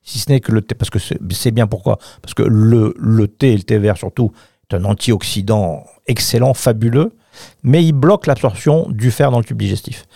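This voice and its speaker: A man's voice: fairly low pitch, moderate pace, gravelly, dark tone, no echo. A man, a doctor, explaining health topics emphatically on a radio chat show into a studio mic. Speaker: doctor guest.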